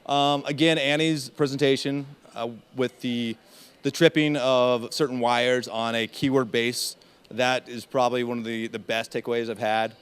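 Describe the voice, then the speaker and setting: A man talking as an interview guest in a casual conference chat, with many fillers and halting restarts. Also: medium pitch, steady tone, a bit bright, clean tone. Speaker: interview guest, in-house SEO specialist.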